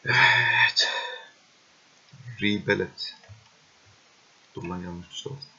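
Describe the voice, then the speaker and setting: A young man giving casual gameplay commentary, swearing and exasperated, with excitable outbursts. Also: lowish voice, takes it slowly, husky. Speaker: gaming video host. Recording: dull lo-fi recording.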